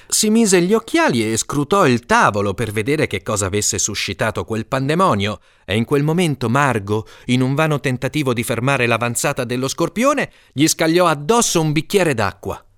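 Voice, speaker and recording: A man narrating an audiobook in an expressive, lively storytelling manner. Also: medium pitch, no room sound, studio quality.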